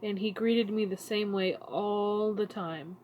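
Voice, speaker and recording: A woman talking to her channel in a casual, emotional vlog, halting and searching for words as she grows tearful. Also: mid-range voice, fairly even intonation, darkish tone, a little hiss or hum. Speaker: vlogger. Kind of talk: casual heartfelt vlog talk.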